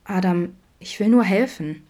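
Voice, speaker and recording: A woman voicing a gentle, caring young man. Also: on the low side, moderate pace, close to an everyday voice. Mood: concerned. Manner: soft and hesitant, concerned. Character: gentle, cheerful young male camp counselor, caring.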